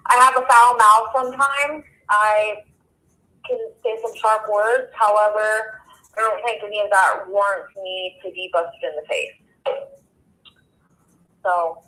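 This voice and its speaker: A woman calling in on a prison phone line, telling her story in a halting way with many pauses and ums. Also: mid-range voice, steady tone, bright, forceful tone. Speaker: inmate calling in. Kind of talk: casual phone call.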